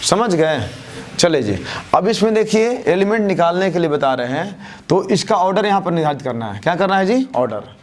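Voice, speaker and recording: A man teaching a math class, who keeps asking questions and answering them himself, his answers dropping low and soft. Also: lively intonation, brisk. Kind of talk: classroom lecture with call-and-response questions.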